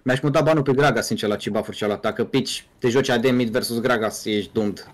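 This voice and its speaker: A young man from Romania streaming a game, chatting casually and reading viewer questions out to his friends. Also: medium pitch. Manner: relaxed, reads chat questions out to friends. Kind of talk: casual gaming chat on a live stream.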